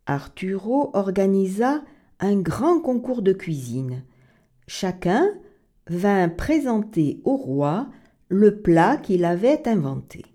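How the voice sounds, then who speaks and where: A woman reading a children's story aloud, expressive and sing-song. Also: mid-range voice, slow pace.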